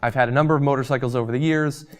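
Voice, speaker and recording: A man's voice: mid-range voice, very fast. Casual man answering viewer comments. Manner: relaxed, chatty, frequent ums and uhs. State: losing his voice. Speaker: host.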